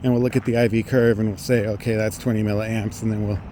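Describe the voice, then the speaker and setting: A middle-aged man thinks aloud in a halting technical monologue while walking outdoors along a road. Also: lowish voice, level tone. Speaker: vlogger. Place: outdoors on a residential roadside. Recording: outdoor street noise, passing vehicles.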